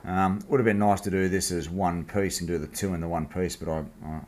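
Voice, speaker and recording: A man's voice: sits low, steady tone, brisk, a little mellow. An Australian man hosting a casual hands-on video in his workshop, explaining the job in a laid-back, blokey, informal way. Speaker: host of a machining project video series. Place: home workshop.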